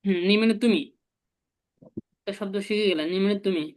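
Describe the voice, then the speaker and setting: In a brisk, mid-range voice, a woman patiently leads a language lesson, explaining things one step at a time and asking the learner to repeat.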